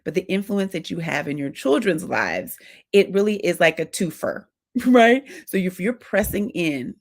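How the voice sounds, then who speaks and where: A middle-aged woman with a gravelly, low voice gives marriage advice to wives in a casual talk. She speaks directly and animatedly, slipping into little acted-out exchanges between spouses. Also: sing-song, measured pace. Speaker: marriage coach and host.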